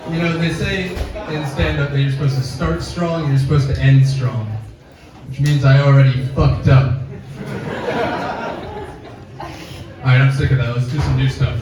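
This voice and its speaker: A young man performing a stand-up comedy set on a campus coffee house stage, deadpan and self-deprecating, with audience laughter behind him. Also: medium pitch, normal speed, pauses often, over a noisy crowd, very noisy. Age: young adult. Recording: echoey room, mic from far off.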